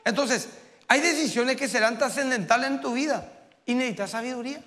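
A man preaching a sermon as pastor, lively and conversational, acting out quotes. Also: very high voice, brisk, long reverb tail. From Paraguay.

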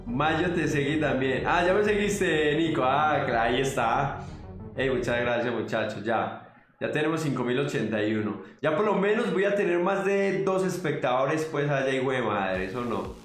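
A man's voice: medium pitch, lively intonation, moderate pace, roomy sound, faint music behind. A man, chatting casually as he reminisces about his old gaming videos and laughs often. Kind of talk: casual chat.

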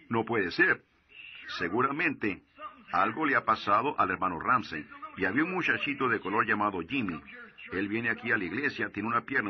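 A man preaching a sermon, telling a story and asking the congregation questions. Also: fairly low pitch. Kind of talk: sermon, Spanish voicing of a translated sermon. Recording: dull lo-fi sermon recording.

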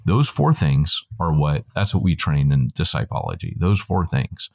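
A middle-aged church planting trainer, a guest on a video call, gives a long, animated answer packed with quick asides and self-corrections. His voice rumbles low. He's heard through wired earbuds in a room at home.

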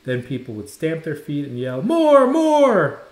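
A man reading a children's picture book aloud with an expressive read-aloud delivery, sometimes stopping to comment on the pictures. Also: medium pitch, moderate pace. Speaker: storybook reader. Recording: roomy echo.

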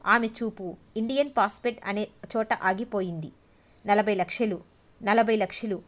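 A woman narrating a novel as an audiobook, in steady, measured storytelling. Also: mid-range voice. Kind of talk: novel reading.

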